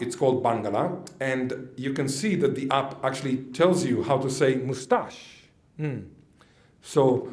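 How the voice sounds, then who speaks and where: A man's voice: medium pitch, a little mellow, roomy sound. A man raised in Israel giving a conference lecture, chatty and joking with the audience. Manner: chatty, with jokes and asides to the audience. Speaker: conference speaker. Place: lecture hall.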